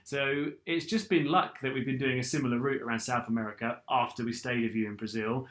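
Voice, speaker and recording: A man's voice: medium pitch, steady tone, a little fast, fairly bright tone, no room sound. A man co-hosting a podcast, chatting casually in an informal, self-deprecating manner. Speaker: podcast co-host.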